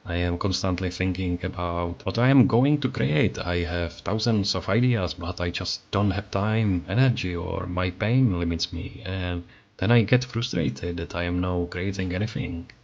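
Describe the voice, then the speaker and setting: A low-pitched man with a Czech accent, a native Czech speaker, reads a scripted voice-over at normal speed, with the highs cut off in the recording. Speaking as an artist and channel creator, he's earnest, reflective and self-critical.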